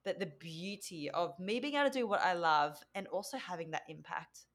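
A woman mentor speaking as a podcast guest, earnest and reflective in a measured way. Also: on the low side, animated, fairly bright tone. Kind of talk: reflective interview talk.

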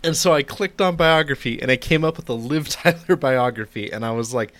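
A man co-hosting a film podcast in casual chat, easygoing and quick to laugh. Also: medium pitch, fairly bright tone. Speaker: podcast co-host.

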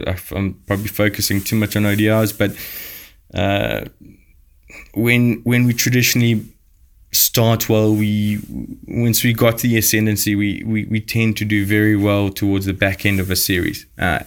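A man giving a casual, rambling cricket preview, hesitant and full of fillers. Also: lowish voice. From South Africa. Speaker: guest cricket commentator. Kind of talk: casual podcast chat.

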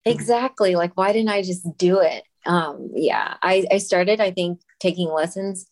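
A woman's voice: on the low side, unhurried. A woman musician from Los Angeles being interviewed over a video call, talking casually with frequent laughs and ums. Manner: warm, laughs often, many ums. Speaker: musician guest.

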